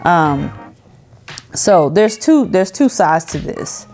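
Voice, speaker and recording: A woman co-hosting a casual chat with her husband, speaking very slowly and thoughtfully. Her voice sits a little low, and she takes her time choosing words. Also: sing-song, darkish tone, faint music behind. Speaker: co-host of a couples' ministry channel.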